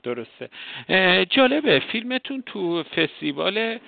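Gravelly male radio interviewer. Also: high voice, very animated, no echo, phone-quality sound. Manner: brief affirming replies between questions.

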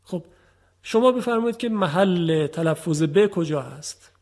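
A man's voice: high-pitched, expressive, a little mellow. A man teaching Quran recitation on a radio program, explaining patiently and speaking directly to his listeners. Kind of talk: radio lesson on tajwid.

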